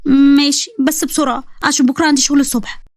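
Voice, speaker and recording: Blunt tired young delivery woman with an Egyptian accent, quick and exasperated, read by a woman. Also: high-pitched, fairly even intonation, no room sound, studio quality.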